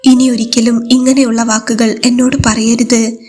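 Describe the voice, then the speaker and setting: A woman voicing a gentle devoted young husband. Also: on the high side, flat delivery, moderate pace, soft background music, natural voice. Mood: tender worry. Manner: pleading, tender concern.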